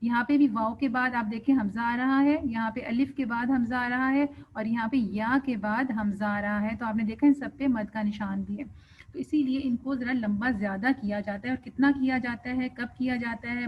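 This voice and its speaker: Brief: female tajweed teacher, somewhat high voice, patient, dull lo-fi recording. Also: fairly even intonation, a little hiss or hum. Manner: patient, demonstrates wrong and right pronunciation. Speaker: Quran recitation teacher. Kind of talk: tajweed lesson, explaining and reciting. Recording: dull lo-fi sound.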